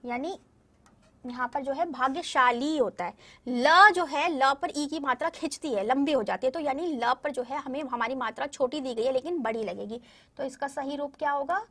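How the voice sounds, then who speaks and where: A woman's voice: high voice, normal speed, a bit bright. A woman teaching a primary school language lesson, patiently explaining step by step to young children and checking often that they follow. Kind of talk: recorded classroom lesson addressing children.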